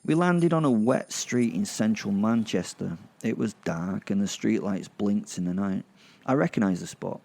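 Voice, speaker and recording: In a lowish, slightly mellow voice with some vocal fry, a man delivers darkly comic horror storytelling at a normal pace. Speaking in character as the first-person narrator of an audio drama, he's gleefully sardonic and swears freely.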